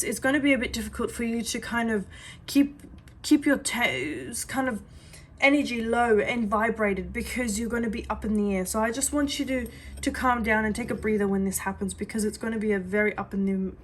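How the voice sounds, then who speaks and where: A woman's voice: medium pitch, slight background noise. Earnest woman giving a psychic reading. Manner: earnest and reassuring, repeats "I do see"; chatty, with many fillers and restarts. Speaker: psychic reader. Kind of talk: reading coffee grounds to a client.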